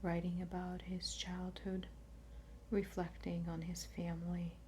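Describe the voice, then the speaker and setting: A woman speaking in a soft, breathy library whisper, quietly and unhurriedly presenting as an ASMR host. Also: on the low side, monotone, unhurried, slight background noise. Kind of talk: soft-spoken ASMR whisper, library-style book show and tell.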